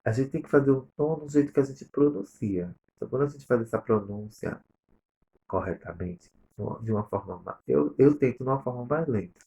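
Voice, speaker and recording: In a recorded lesson review, a male teacher with a Brazilian Portuguese accent goes over the exercise answers step by step, reading them aloud. His voice is medium-pitched and warm with vocal fry, and his pace is brisk.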